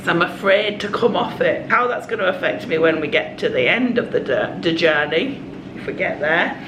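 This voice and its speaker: This casual vlog chat features a woman whose cold has made her hoarse, speaking on the low side with an expressive delivery. Chatty and confiding, she adds quick asides, and the recording picks up an echoey room with background noise.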